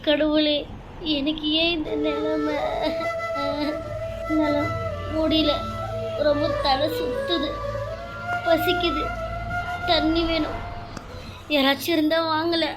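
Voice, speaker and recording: A woman's voice: high-pitched, flat delivery, slow pace, pauses often, over loud music, poor audio. A woman voicing a pregnant young woman tied up in a cartoon serial, weak, pained and pleading for help.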